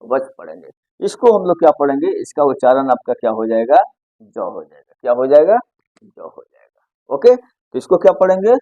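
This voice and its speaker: A man's voice: mid-range voice, very animated, normal speed, warm tone, dry recording. Man drilling an English lesson. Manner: asks and answers his own questions, repetitive drilling; spells words out letter by letter. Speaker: English teacher. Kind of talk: grammar lesson. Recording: muffled, dry close recording.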